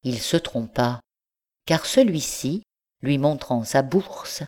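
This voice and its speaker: Brief: woman narrator, measured classic storytelling, dark mellow tone. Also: a bass voice, animated. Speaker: audiobook narrator. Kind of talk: classic story read aloud.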